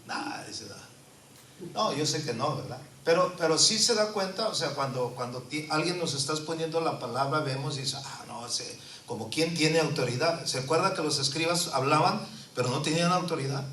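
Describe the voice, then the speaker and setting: Man, 50s, pastor giving an earnest sermon, bright voice, heard from afar in a reverberant church. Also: fairly high pitch, a little fast, distant mic. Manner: earnest preaching, frequent tag questions. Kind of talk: sermon with personal testimony. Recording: echoey church from afar, faint noise.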